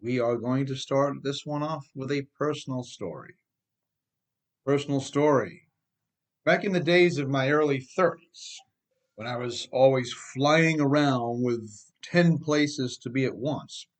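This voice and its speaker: Narrating the nonfiction audiobook he wrote, a middle-aged American man speaks in a middle-range male pitch. He follows a script yet addresses the listener directly, emphatic and conversational, posing rhetorical questions.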